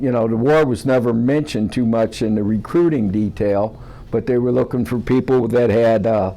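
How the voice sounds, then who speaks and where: A man in his seventies from Ohio, telling his own memories in an interview in a plainspoken, halting way. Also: lowish voice, dark tone. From Cleveland, Ohio, USA. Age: 70s. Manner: plainspoken, halting with many uhs. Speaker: veteran interviewee.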